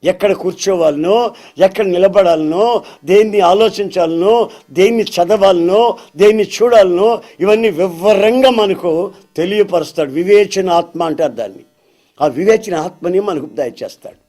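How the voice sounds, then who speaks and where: A man's voice: high-pitched, measured pace, warm tone, faint music behind. A man preacher giving a storytelling sermon, addressing his listeners as dear brothers.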